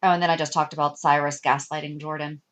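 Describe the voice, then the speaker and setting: A woman's voice: sits low, flat delivery, quick pace, a bit bright. A woman co-hosting a fan podcast in casual chat. She is conversational and often checks facts with questions. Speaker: podcast co-host.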